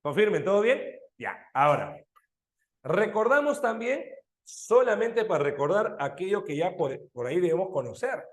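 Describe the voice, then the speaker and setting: Male teacher, high lively voice, keeps quizzing students; echoey room. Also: moderate pace. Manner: lively, questioning students often, animated. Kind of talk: online exam-prep language class.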